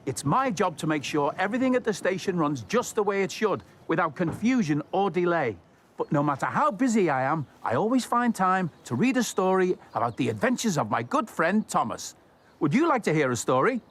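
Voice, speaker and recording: A man playing a station worker character hosts a children's storytime, reading stories for young viewers in a scripted, animated style and speaking straight to the listener. His voice sits high at a moderate pace, with background music behind it.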